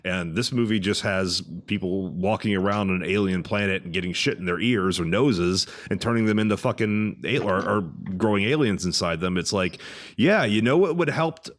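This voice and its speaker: Crude, blunt man with a low voice. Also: normal speed, few pauses. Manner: crude, blunt, rambling with restarts. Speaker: podcast co-host. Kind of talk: casual podcast chat.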